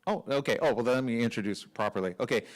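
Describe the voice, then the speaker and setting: A man's voice: mid-range voice, rapid-fire. A man hosting a conference off the cuff, informal and rambling as he moves between speakers. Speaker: conference host introducing speakers. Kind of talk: unscripted casual hosting.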